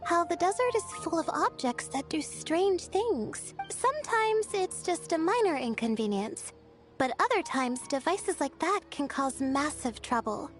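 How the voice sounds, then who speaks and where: A woman voicing a shy, sleepy young female student in a video game, who speaks softly and hesitantly and stammers when she is nervous. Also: very high voice, animated, measured pace. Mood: calm. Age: young adult. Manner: hesitant and stammering, soft-spoken. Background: soft game music.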